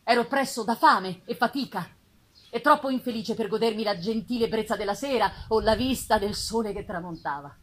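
A woman giving a theatrical, intense literary reading as a lonely, embittered male monster, with deliberate pauses and swells. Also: a little high, a bit bright. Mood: anguished, desolate. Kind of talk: dramatic literary reading of a gothic novel. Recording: live festival reading with clear noise.

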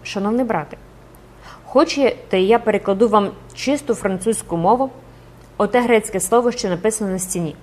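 A woman's voice: medium pitch, fairly quick, darkish tone, lightly acted. A woman reading the lines of a cheeky young male student who feigns humility. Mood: bold. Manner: bold, mock-humble.

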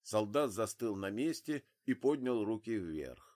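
A man giving dramatic, expressive narration of a thriller audiobook. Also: fairly low pitch, a little slow. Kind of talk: scripted narration.

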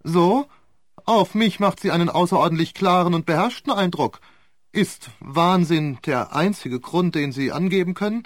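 A man voicing a sharp male prosecutor who cross-examines with cutting sarcasm, in a dry, close reading of a courtroom story. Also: sits high, moderate pace, no room sound, pitched above the performer's own voice, lightly acted.

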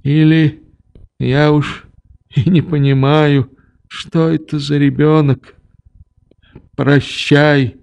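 A man's voice: fairly high pitch, flat delivery, takes it slowly, gravelly, pauses often, a little mellow, clear, resonant tone, voice pushed up. A man doing a hurt, weary old man. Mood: wounded.

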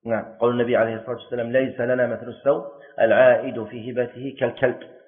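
Speaking very fast with a flat, mid-range delivery, a man teaches Islamic jurisprudence in a classroom, working through each step. He tests students with questions and repeats important words to stress them, all on a tinny, lo-fi recording.

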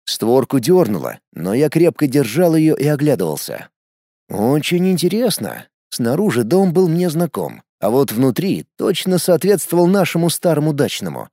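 Lively male audiobook narrator, mellow tone. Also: fairly high pitch, moderate pace, no room sound, clean studio sound. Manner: lively storytelling with shouted character lines. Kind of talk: first-person audiobook narration.

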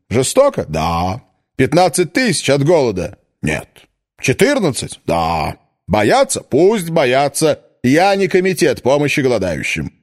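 A man reading a satirical story, voicing a smug, aging cardinal and first minister with a sardonic, drawn-out delivery. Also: mid-range voice, exaggerated voice. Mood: cynical.

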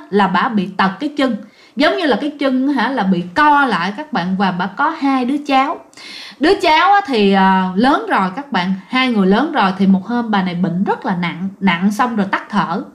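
A woman casually tells ghost stories to her listeners. She tells them dramatically and repeats words for emphasis. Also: on the high side. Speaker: storyteller.

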